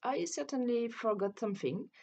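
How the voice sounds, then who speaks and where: A woman's voice: on the high side, lively intonation, normal speed, gravelly, a little mellow, dull audio. A French woman who teaches French gives a hesitant, explanatory self-introduction with a French accent, often restarting her sentences. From France.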